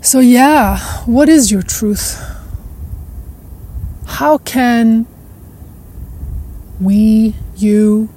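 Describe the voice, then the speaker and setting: A woman hosting a podcast, musing at length in a reflective spiritual monologue. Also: a little high. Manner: slow, musing, with soft laughs and trailing repetitions. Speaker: podcast host.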